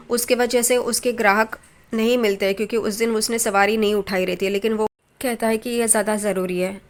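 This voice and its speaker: A woman casually retelling a TV serial episode, speaking in plain storytelling with small restarts and reading lines of dialogue aloud. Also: mid-range voice. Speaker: TV serial recap narrator. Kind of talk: casual spoken episode recap.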